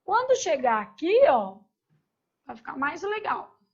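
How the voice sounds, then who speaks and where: Woman teacher, high voice, going slow through verb forms and asking the class questions, muffled lo-fi sound. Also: very animated. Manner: spells out verb forms slowly, asks the class rhetorical questions. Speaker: Portuguese grammar teacher. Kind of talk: classroom grammar lesson. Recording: dull, lo-fi lecture recording.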